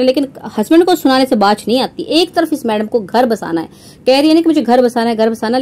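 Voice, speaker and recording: Sarcastic woman vlogger, mellow voice. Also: fairly high pitch. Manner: mocking, sarcastic, frequent "है ना?" tag questions. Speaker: reaction vlogger. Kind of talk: scornful commentary to viewers.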